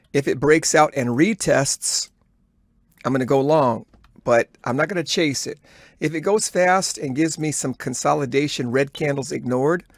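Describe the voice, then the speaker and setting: This trading journal voice-over comes from a man with a mid-pitched voice in a dry, close space, with no room sound at all. He gives live trade commentary as he thinks aloud and follows the action. His delivery is halting and instructive, as if coaching himself and the viewer together.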